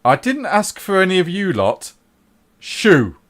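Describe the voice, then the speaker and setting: A man voicing a stern male mage provost who speaks formally and with measured hesitations. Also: sits low, natural voice. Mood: irritated.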